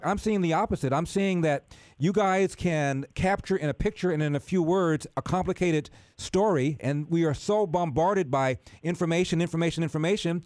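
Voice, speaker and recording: Slightly high-voiced male radio host. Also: a little mellow, dry recording. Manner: measured, conversational with occasional fillers. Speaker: radio talk show host. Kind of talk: talk radio interview.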